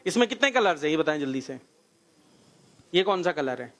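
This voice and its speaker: A man runs a children's quiz. He talks briskly, hurries the kids along and calls out when an answer is right. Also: fairly high pitch, sing-song, fairly bright tone. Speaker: host of a children's program. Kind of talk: lively quiz hosting with children.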